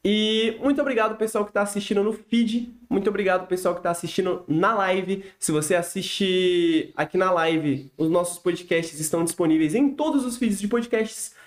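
A podcast host with a Brazilian accent and a smoker's raspy, high voice delivers a casual live monologue at a moderate pace. His manner is playfully mock-grandiose.

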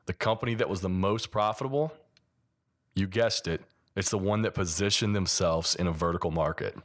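A deep male voice carries a gentle Kentucky Appalachian accent. He talks as a podcast host on his own, explaining ideas in a conversational way and walking through examples. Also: brisk. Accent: mild Kentucky Appalachian. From Kentucky, United States. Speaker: podcast host and sports designer. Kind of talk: solo podcast monologue, explanatory.

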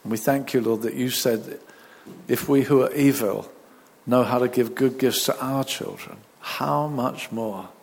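A man, a pastor at a pulpit microphone, reading scripture, praying and preaching in a measured, deliberate way. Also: medium pitch, creaky, husky. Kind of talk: sermon with scripture reading and prayer. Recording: long reverb of a large hall.

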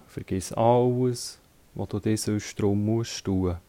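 Speaking in a fairly low voice, a Swiss German-accented yoga teacher leads a guided relaxation. His instructions are short and calm, with long silences between them.

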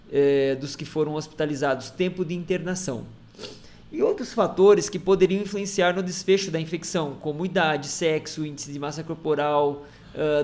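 A man's voice: on the high side, darkish tone. A man reads a news article about a health study aloud, adding casual asides and restarts as he explains it.

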